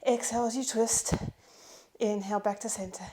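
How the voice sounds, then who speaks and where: A woman's voice: a little high, fairly even intonation, normal speed, mellow. A woman leading a Pilates strength workout, out of breath as she cues each move, counts reps and encourages. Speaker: Pilates instructor. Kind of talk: guided workout instruction.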